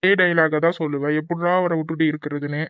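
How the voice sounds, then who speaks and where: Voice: mid-range voice, flat delivery, fast, smooth, dry recording, lightly acted. A voice actor playing an exasperated young son. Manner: exasperated, coaxing. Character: young adult son, impatient and teasing. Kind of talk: cartoon voice acting. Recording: dull lo-fi dry recording.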